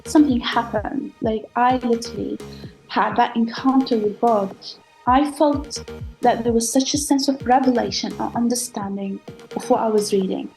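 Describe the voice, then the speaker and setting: A woman's voice: a little high, moderate pace, creaky, darkish tone, faint music behind, low-quality recording. A woman whose first language is Arabic, raised in the Gulf of Palestinian family, telling her faith story as a podcast guest in an earnest, reflective way with some hesitations. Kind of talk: personal testimony interview.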